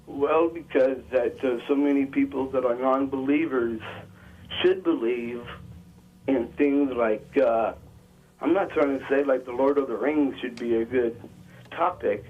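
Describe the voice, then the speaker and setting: A man calling in, arguing earnestly and haltingly, sounding emotional and close to tears. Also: medium pitch. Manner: earnest, hesitant. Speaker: caller. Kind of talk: halting call-in argument. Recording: dull radio-like phone line.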